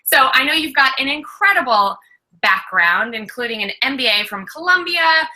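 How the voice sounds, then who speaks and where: A woman's voice: high-pitched, lively intonation, normal speed, bright, forceful tone, poor audio. A woman hosting a live interview show, upbeat and enthusiastic as she welcomes and questions her guest. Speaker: host.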